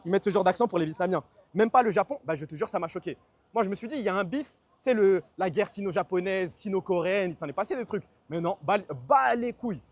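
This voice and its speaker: Fast-talking slangy male streamer. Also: high voice, a little mellow, dry recording. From France. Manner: fast, slangy, chatty, answers chat. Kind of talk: casual livestream chat.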